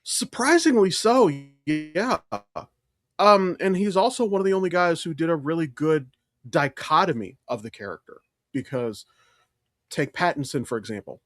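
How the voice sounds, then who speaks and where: This man co-hosts a podcast, offering opinionated pop-culture talk that's lively, forceful, and freely profane. His slightly high voice moves at a moderate pace, captured with studio quality and no room sound.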